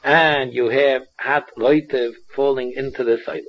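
A man with a Yiddish accent teaching a religious text line by line, halting and repeating phrases as he explains. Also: medium pitch, fairly even intonation. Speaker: Talmud teacher. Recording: dull, muffled lo-fi recording.

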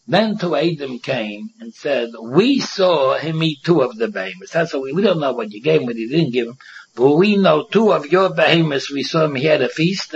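The voice is a man's, on the high side and breathy. Speaking Yiddish-inflected English, he teaches an informal Talmud class, reading and explaining in a sing-song, repetitive manner with rhetorical questions. The lo-fi recording sounds dull and muffled.

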